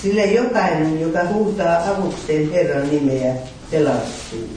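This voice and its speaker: A man's voice: a little high, mellow, slight background noise. A man in the congregation, answering the preacher's questions aloud. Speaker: congregation member. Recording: distant, very echoey hall with faint ambience.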